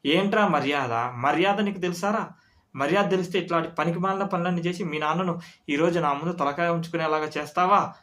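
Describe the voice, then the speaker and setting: A man voicing a hot-tempered middle-aged family friend who shouts insults, in a storyteller's retelling. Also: a little high, fast, voice pushed up, natural voice. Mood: angry. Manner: shouting and scornful.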